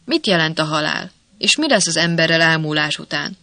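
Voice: mid-range voice, expressive, sharp tone, no room sound. A reader doing a feverish, frightened sick man. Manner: pleading, fearful. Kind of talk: audiobook character voice.

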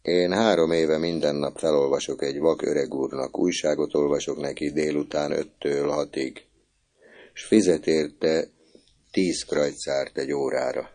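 A man voicing a kind older student who speaks gently and softly. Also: rumbling low, steady tone. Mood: gentle. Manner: gentle and soft-spoken.

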